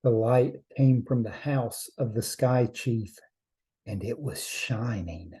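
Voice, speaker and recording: A man telling a traditional trickster tale as a storyteller, in measured short phrases with deliberate pauses. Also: medium pitch, mellow, husky.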